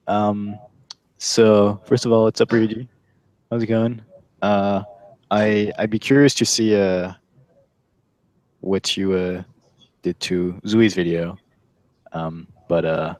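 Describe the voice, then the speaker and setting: A man chatting casually on a livestream through a headset mic, easygoing and full of fillers and hesitations. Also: lowish voice. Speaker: engineer and cardist guest on a livestream.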